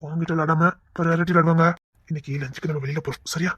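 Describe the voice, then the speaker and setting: A man's voice: a little high, fairly even intonation, rapid-fire, fairly bright tone, slightly rough, no echo, lo-fi sound. A man with a Tirunelveli Tamil accent playing a flirtatious office boss who teases and wheedles. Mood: teasing. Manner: wheedling, teasing. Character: flirtatious male office boss, teasing and pleading. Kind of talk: village web-series acting.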